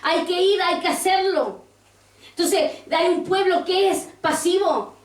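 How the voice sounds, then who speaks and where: In a high, ringing voice and at a measured pace, a woman pastor delivers a sermon, reading from scripture and turning to ask the congregation questions. It sounds roomy and far off, as if recorded from across the church.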